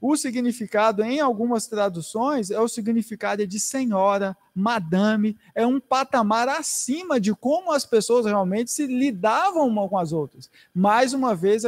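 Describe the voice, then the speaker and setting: A man with a Brazilian Portuguese accent teaching a Bible class, explaining patiently and often checking in with "né?". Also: high voice. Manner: explanatory, many "né?" tag questions.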